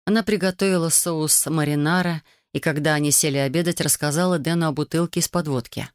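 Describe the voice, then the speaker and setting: A woman reads a novel aloud in a steady, even storytelling voice. Her pitch sits low and the recording is dry and close, with no room sound. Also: fairly quick, smooth, dry recording. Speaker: audiobook narrator. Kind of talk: scripted narration.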